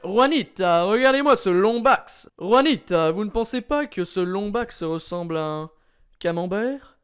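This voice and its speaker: A man voicing a pompous gentleman who booms his remarks to a lady. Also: expressive, unhurried, clean tone.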